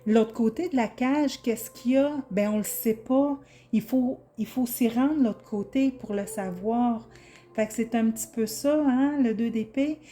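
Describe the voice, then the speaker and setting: A woman's voice: on the high side, dark tone. Chatty Québécois tarot reader woman. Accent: Québécois French. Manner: chatty and enthusiastic, many fillers and restarts. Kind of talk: casual tarot reading for viewers.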